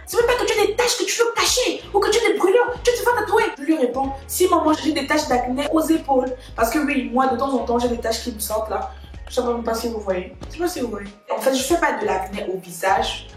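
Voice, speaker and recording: A young woman vlogger telling a personal story in an animated, dramatic way. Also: on the high side. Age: young adult. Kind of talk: storytime vlog. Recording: very echoey room.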